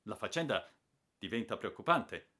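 Man doing young adventurer hero, shouting, alarmed, high strained pitch, lively. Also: moderate pace.

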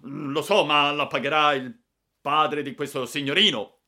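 A man voicing a flustered, irate older salesman who shouts and sputters in outbursts. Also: fairly high pitch, fairly even intonation, unhurried, voice pushed up, exaggerated voice. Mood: furious.

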